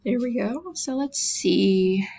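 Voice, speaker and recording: A woman teacher talks through an online lesson in an unhurried, drawn-out way, her fairly high voice edged with a gravelly fry. She sounds words out patiently and drops in chatty, self-deprecating asides. The computer mic recording is dull and lo-fi. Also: lively intonation, dark tone, a little hiss or hum. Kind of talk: virtual classroom lesson.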